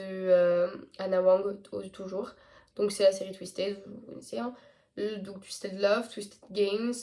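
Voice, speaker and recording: A woman's voice: mid-range voice, dark tone. Tired teenage girl chatting about books. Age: teens. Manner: chatty, hesitant, stumbles over English titles. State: tired and sick. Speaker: book vlogger. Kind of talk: casual chat to camera.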